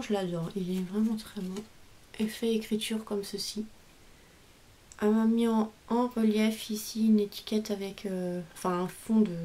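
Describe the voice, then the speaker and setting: A woman's voice: medium pitch, dark tone, a little hiss or hum. A woman hosting a craft video, chatting casually and gushing over cards and stamps she has received, stumbling a little over English phrases. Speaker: craft channel host opening mail. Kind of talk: casual unboxing chat.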